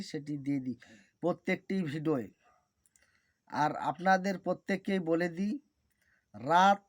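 A man reciting a mantra slowly and deliberately, then explaining it plainly to his viewers as a teacher. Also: on the high side, dry recording, clean studio sound.

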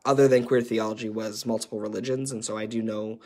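This young Canadian workshop leader talks fast in a lowish, mellow voice with little pitch movement. Running the session online, he stays earnest but hesitant, using many fillers.

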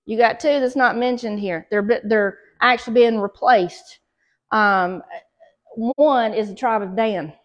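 A middle-aged Southern woman with a slightly high voice leads a church Bible study at an unhurried pace, reading scripture aloud and then explaining it with pauses and fillers. A far camera across a small fellowship hall picks her up with lo-fi sound.

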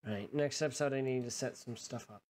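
A man's voice: mid-range voice, fairly quick, darkish tone. A young man giving casual, sarcastic, sweary commentary as he plays a game. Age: young adult. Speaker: gaming streamer. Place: small bedroom-like room indoors.

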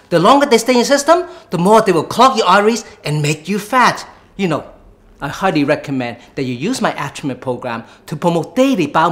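Middle-aged male doctor-presenter, high voice for a man, lively intonation, explanatory infomercial pitch. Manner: explanatory, urging. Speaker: doctor presenting his own product. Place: TV studio and kitchen set.

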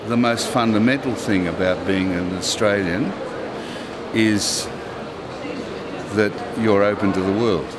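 A man's voice: fairly low pitch, measured pace, pauses often. An older man born in Czechoslovakia, speaking thoughtfully and searching for words in an interview in a public hall. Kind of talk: casual interview. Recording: loud background noise. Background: loud ambient noise.

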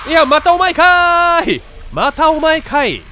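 A man playing a horror game and commentating excitedly, crying out in fright with shrill repeated exclamations. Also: measured pace, slight background noise.

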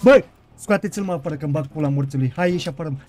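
Foul-mouthed young male game streamer, high voice. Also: slight background noise. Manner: profane, yelling at teammates. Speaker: gaming streamer. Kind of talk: casual gameplay commentary.

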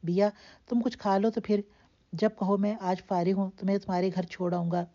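A woman voicing a blunt young man who talks in a flat, pointed tone in a storybook reading. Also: mid-range voice, natural voice. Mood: blunt, needling. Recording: dull lo-fi recording.

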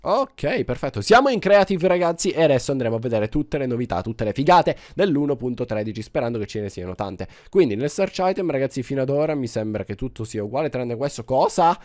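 A man with a cold and sore throat giving excitable, exclamatory gameplay commentary to his viewers. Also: medium pitch, fast talker, hardly any pauses, dry recording, studio quality. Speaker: gaming YouTuber.

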